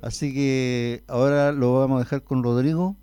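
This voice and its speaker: Mellow presenter. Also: male voice, medium pitch, steady tone, normal speed, clear, resonant tone, no echo. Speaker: radio presenter. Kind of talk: radio link announcement.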